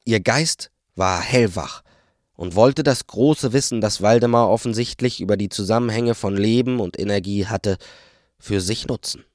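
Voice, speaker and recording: A man narrating an audiobook in a calm, measured storytelling manner. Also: lowish voice, dry recording, studio quality. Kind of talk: audiobook reading.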